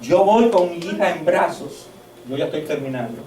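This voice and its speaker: A man preaching a sermon as pastor, fervent, swinging between loud shouts and hushed storytelling. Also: a little high, expressive, normal speed. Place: church. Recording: echoey church hall, mic at a distance.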